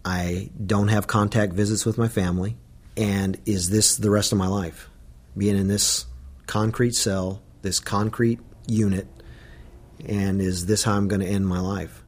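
A man with a fairly low voice speaks as a special agent being interviewed. He explains in a deliberate, thoughtful way, with pauses as he works through his points. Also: level tone. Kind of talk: interview commentary.

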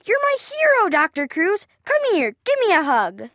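A woman's voice: very high-pitched, huge pitch swings, normal speed, fairly bright tone, no echo, clean studio sound, heavily acted. A woman voicing a cute, sassy little cold virus in a theatrical children's audio skit. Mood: thrilled. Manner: exclamatory, theatrical.

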